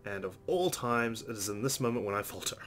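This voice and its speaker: With soft game music playing, a let's play host in a fairly low, animated voice moves a little fast. He gives the visual novel's narration an expressive reading and chips in with remarks of his own.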